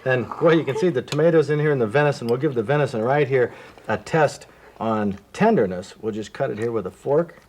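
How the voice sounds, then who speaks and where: A man's voice: medium pitch, brisk, darkish tone. A man hosting an outdoors television show, chatting in an enthusiastic, exclamatory, folksy way. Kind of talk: folksy on-air chat. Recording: 1980s TV broadcast audio.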